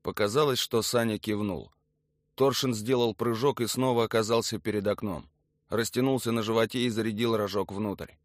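A man narrating an audiobook in a lowish voice, steady and matter-of-fact. The recording is dry and close, with no room sound around it. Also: moderate pace, no echo. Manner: even, matter-of-fact storytelling. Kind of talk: scripted narration of a documentary book.

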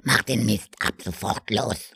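Guy doing a cursing wooden stick, raspy gravelly voice, dry close sound. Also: on the low side, a little slow, bright, forceful tone, no echo, voice pushed up, full character voice. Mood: rude. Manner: cursing, brusque. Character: rude foul-mouthed male walking stick.

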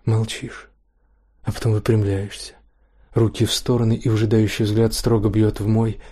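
A man reading an intimate first-person story aloud in a quiet, hushed way. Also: fairly low pitch, flat delivery, normal speed.

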